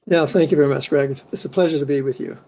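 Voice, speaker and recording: An older man from the Netherlands and New Zealand, a guest scholar recounting his personal story in an interview, reflective and pausing often. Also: a little high, fairly even intonation, warm tone. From born in the Netherlands, raised in New Zealand. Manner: reflective, unhurried, with frequent pauses and fillers.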